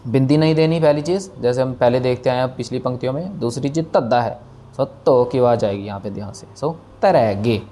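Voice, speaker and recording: A man teaching the careful pronunciation of sacred verses, chanting each line slowly and then explaining the sounds patiently. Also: medium pitch, dark tone, slight background noise. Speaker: recitation teacher. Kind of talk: slow line-by-line pronunciation lesson.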